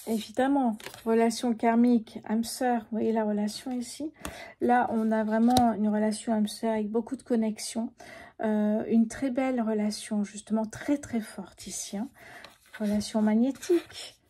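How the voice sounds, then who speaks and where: Soft-spoken woman with a sore throat. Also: fairly high pitch, little pitch movement, normal speed. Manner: speaks softly, sometimes whispering. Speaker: tarot card reader. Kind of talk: tarot reading video.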